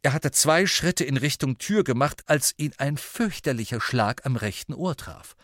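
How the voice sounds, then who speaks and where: Expressive male audiobook narrator. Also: mid-range voice, moderate pace, no echo, studio quality. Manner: expressive storytelling.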